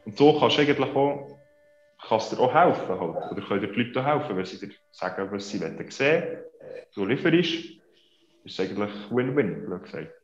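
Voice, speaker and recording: Speaking a little fast with lively intonation and a fairly low pitch, a man in his thirties with a Swiss German accent chats casually as an interview guest. The social media creator is on a video call from a small indoor room, with echoey, muffled sound and background music.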